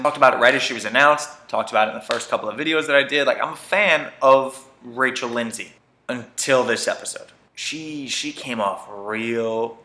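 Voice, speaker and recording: A young man giving an opinionated, casual recap of a reality dating show, swearing freely and peppering his talk with "like" and quick restarts. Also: medium pitch, sharp tone, echoey room.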